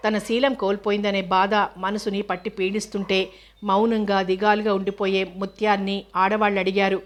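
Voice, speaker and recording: A woman narrating a novel in a steady, even reading voice. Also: mid-range voice, normal speed. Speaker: audiobook narrator.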